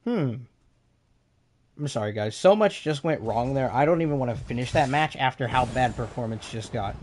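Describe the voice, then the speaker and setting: Playing and streaming a game, a North Carolinian man chats with viewers, reacting to the gameplay and reading their messages aloud in a soft voice that cuts off the ends of words. He has a medium pitch with lively intonation at normal speed, and his stream mic picks up background noise.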